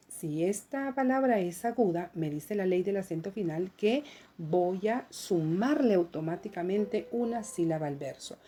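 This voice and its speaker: A woman teacher giving a recorded lesson, explaining step by step in a slow, patient way and speaking to students at home. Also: medium pitch, warm tone.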